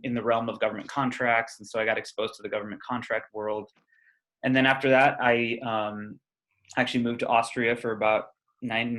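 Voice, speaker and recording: Man, thirties, candidate interview, video call, low pitch, monotone, casual with restarts. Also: low-quality recording. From Puerto Rico, raised in Omaha. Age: 30s. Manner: casual, with many ums and restarts. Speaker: legislative candidate.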